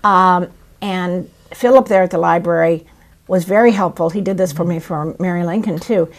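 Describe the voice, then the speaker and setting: Gravelly-voiced woman in her seventies. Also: fairly low pitch, normal speed. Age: 70s. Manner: animated, theatrical storyteller. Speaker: actress and playwright, guest. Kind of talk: interview conversation.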